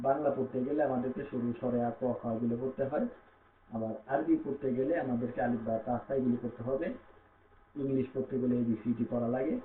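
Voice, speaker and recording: A man with a Bangladeshi Bengali accent gives a slow, patient reading lesson, sounding out letters one by one and humming between them. His voice comes through thin and phone-like. It echoes around a bare room over a faint hum. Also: medium pitch. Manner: patient, repeats each letter with filler hums. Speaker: Quran reading teacher. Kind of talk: slow classroom-style lesson, spelling out letters.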